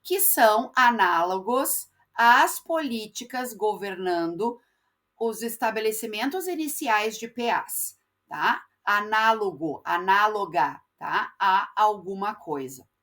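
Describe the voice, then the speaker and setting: A woman's voice: mid-range voice, expressive, takes it slowly, a bit bright. A woman English teacher explaining step by step, stretching out example words and often checking in with her students. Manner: frequent checking tags like "tá?" and "né?". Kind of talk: classroom explanation.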